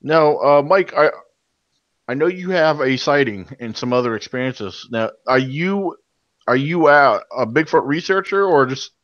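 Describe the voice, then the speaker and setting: A man hosting an online panel in a casual, halting, easygoing way. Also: mid-range voice, a bit bright, no echo, muffled recording.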